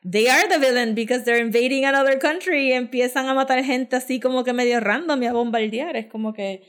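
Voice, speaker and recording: A woman with a Puerto Rican Caribbean Spanish accent co-hosts a podcast, speaking casually and with opinion and often switching into English. Her voice sits high, with a fairly bright, smooth tone, and she talks fairly quickly.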